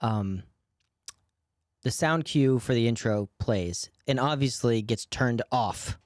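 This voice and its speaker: A man, a stand-up comedian co-hosting a podcast, chatting casually and telling animated stories with frequent laughs. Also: mid-range voice, takes it slowly, no echo, clean studio sound. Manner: animated storytelling, laughs often. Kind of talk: casual chat.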